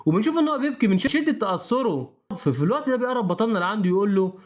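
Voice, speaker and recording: A man with an Egyptian Arabic accent narrating a manhwa recap as rapid storytelling. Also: sits high, animated.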